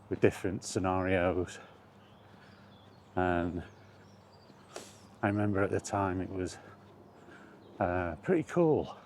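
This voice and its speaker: Out walking along streets or paths, a solo vlogger rambles easygoingly to himself, musing with trailing asides. His voice is low-pitched with a darkish tone, and the outdoor recording is noisy with environmental sounds.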